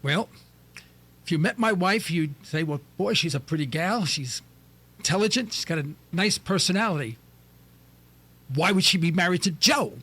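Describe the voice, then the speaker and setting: A middle-aged man spins a comic story on his radio show with a high, lively voice that swoops all over. His tone is bright and a little husky. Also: moderate pace, long pauses. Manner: animated, jokey, mimics voices in falsetto. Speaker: talk radio host.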